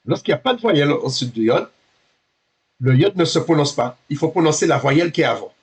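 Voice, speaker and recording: A man's slightly husky, somewhat high voice leads an animated beginner Hebrew lesson. He speaks in fits and starts, repeating and fixing his words, and patiently makes sure the class is keeping up.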